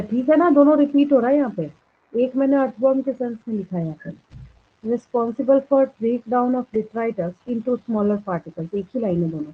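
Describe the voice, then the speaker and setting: Husky woman teaching, tinny phone-like sound. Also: fairly high pitch. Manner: explains slowly, dictates notes word by word, checks in often. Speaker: biology teacher. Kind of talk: classroom lecture.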